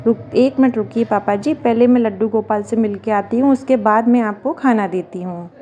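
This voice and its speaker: A devoted young wife, as a woman narrator plays her, pleading and anxious. The voice is a little high, with a mellow, soft tone. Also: moderate pace, dull audio, slight background noise, lightly acted. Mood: polite.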